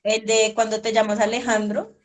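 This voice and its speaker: A woman with a somewhat high voice chats in a loose, rambling way. She keeps reaching for filler words as she tells her story. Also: flat delivery, moderate pace. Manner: chatty, rambling, many fillers like 'como que'. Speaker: reader and guest. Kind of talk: casual conversation.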